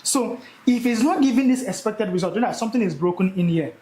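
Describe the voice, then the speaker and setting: Young man, energetic classroom teacher, repeats key points, echoey room recording, faint background noise. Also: high voice, quick pace. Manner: animated, repeats key words for emphasis. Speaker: speaker teaching a live session.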